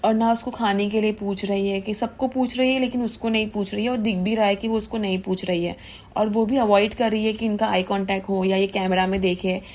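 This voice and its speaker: A woman's voice: medium pitch, steady tone, brisk, a little mellow. A young woman giving casual, indignant gossip commentary, switching freely into English. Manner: chatty, mixes English into Hindi, indignant gossip. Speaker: commentary vlogger.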